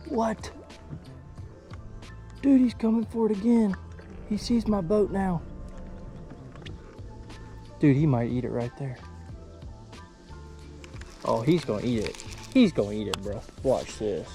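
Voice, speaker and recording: Excitable man fishing from a boat. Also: fairly high pitch, slow, pauses often, soft background music. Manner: excitable, talks to the fish, slangy. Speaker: fishing vlogger. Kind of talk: casual running commentary. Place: on a boat outdoors.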